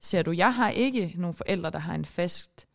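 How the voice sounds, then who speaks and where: A woman's voice: lowish voice, lively intonation, vocal fry. A woman in her twenties from Denmark, Icelandic by first language, co-hosting a podcast in a rambling, giggly, self-mocking chat. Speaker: podcast co-host. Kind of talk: casual chat.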